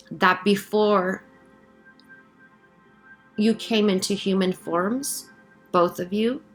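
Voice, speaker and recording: Woman, medium pitch, unhurried pace, casual spiritual tarot channeling, halting and reflective, reassuring check-ins, music in the background. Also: fairly bright tone. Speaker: tarot card reader and spiritual guide. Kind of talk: casual spiritual channeling monologue with card reading.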